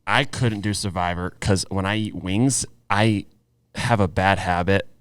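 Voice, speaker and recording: A laid-back man co-hosting a casual podcast, trading jokes in a relaxed way. His voice is smooth and resonant, a bit low, recorded dry and close. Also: measured pace, no echo. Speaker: podcast co-host. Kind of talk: casual chat.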